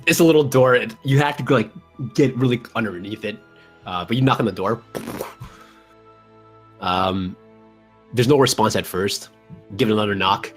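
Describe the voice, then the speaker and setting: A man improvising narration as a tabletop game master, describing scenes in a halting way as he searches for words. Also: lowish voice, soft background music.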